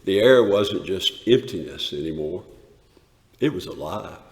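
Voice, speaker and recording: Live in a large church, a dramatic reader with a deep, animated voice takes on the role of a rough, awestruck shepherd remembering a wondrous night. His awe builds as he speaks emphatically, using dramatic pauses and rising from a hush to a shout, all carried by the hall's long, echoing reverb.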